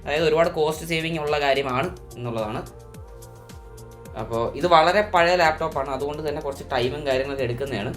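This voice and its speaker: Very fast-talking man, casual. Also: fairly high pitch. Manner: informal, chatty. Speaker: tech vlogger. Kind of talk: casual tutorial narration. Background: background music.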